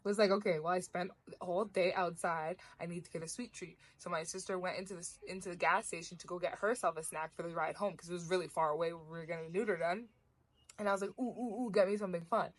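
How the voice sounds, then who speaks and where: A young woman co-hosting a casual podcast, telling stories in a lively, playful way. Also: on the low side, fast talker. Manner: animated storyteller, playful. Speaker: podcast co-host. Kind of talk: casual chat.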